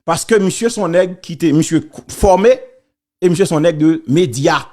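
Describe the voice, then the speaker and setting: A man's voice: fairly high pitch, moderate pace, a little mellow. A man with a Haitian accent giving casual spoken commentary on church and politics, preachy and emphatic, repeating key phrases.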